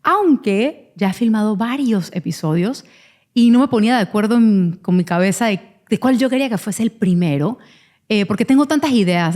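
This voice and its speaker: Mellow-voiced woman telling a candid story. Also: mid-range voice. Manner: frank, confessional, openly vulnerable; rambling restarts while recounting. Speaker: podcast host; mother of twins.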